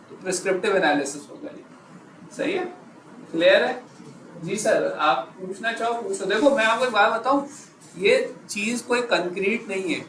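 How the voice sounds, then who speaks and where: A man teaching a live class, quizzing his students and stopping often to check that they follow, slowing right down on the key phrases. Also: high voice, fairly bright tone. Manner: slows down to stress key phrases. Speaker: instructor. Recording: echoey room, background noise.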